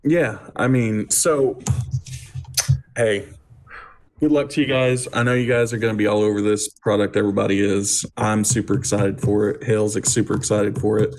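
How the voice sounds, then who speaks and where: A man's voice: on the low side, flat delivery, normal speed, a little mellow. A man co-hosting a casual chat show, rambling and jokey, who goes off on comic tangents. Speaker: podcast co-host.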